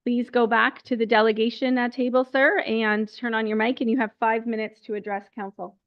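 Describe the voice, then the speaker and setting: A woman's voice: fairly high pitch, level tone, no echo. Woman running a council meeting, reading the motion, kinda muffled lo-fi mic. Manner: brisk and procedural. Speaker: meeting chair. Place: council chamber.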